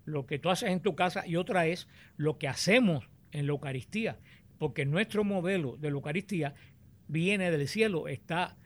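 A man teaching on the Bible, explaining and reading scripture aloud in a deliberate, explanatory way. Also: a little high.

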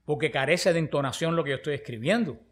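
This preacher speaks quickly, his voice on the high side. In a conversational talk on the Bible, he animates his stories by acting out the dialogue.

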